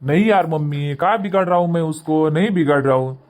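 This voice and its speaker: A man's voice: fairly high pitch, brisk, darkish tone, close to an everyday voice. A man voicing a harried young husband in a cartoon, pleading and placating between his wife and mother. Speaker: son and husband.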